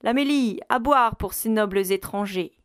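A woman's voice: mid-range voice, normal speed, clean tone, no room sound, close to an everyday voice. A woman reading the part of a lazy, ironic man living on a barge, making dry, muttered remarks. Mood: wry. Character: lazy, wry male barge dweller.

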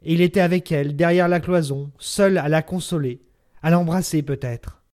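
A man reads classic fiction aloud in a measured, expressive narration. His voice sits somewhat high for a man. The delivery is that of a radio reading. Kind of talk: scripted literary narration.

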